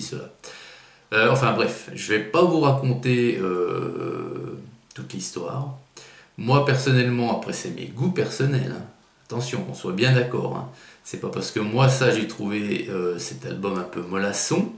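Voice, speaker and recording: In a fairly low, gravelly voice, a man casually reviews a comic book, hesitating and filling his speech with fillers and restarts while often stressing that it's just his own taste. The recording has a roomy echo.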